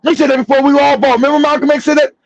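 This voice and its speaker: A man's voice: very high-pitched, little pitch movement, very fast, creaky, muffled recording. A man hosting a livestream talk show, delivering fiery, profane, repetitive commentary. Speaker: show host.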